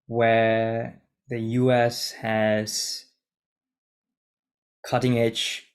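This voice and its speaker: Slow, gravelly-voiced young man. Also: mid-range voice, monotone. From Singapore. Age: 20s. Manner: hesitant, many restarts and fillers. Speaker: vlogger, junior doctor. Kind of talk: casual talk to camera from a script. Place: his own room. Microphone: laptop mic on a video call.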